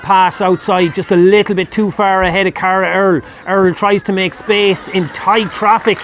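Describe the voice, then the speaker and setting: A man's voice: little pitch movement, normal speed, a bit bright, a faint crowd, a little hiss or hum. A man with an Irish accent giving live play-by-play commentary at a match, rising sharply when a score comes. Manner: rises sharply in pitch and volume at scoring chances.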